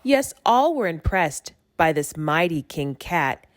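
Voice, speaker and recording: A woman giving an expressive read-aloud narration of a rhyming children's story. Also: sits low, slow pace, no echo, clean studio sound. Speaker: storybook reader.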